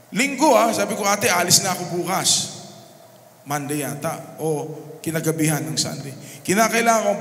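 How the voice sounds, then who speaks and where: A man's voice: high voice, fairly bright tone. A middle-aged Filipino man preaching as a pastor, mixing English into his sermon and calling for amens. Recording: echoey hall with faint ambience.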